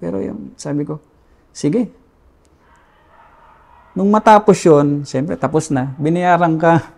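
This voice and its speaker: A man's voice: fairly high pitch, moderate pace, vocal fry, a little mellow. A man in his forties from the Philippines, candidly telling his personal story as an interview guest and acting out remembered dialogue. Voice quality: casual confessional tone with reenacted dialogue.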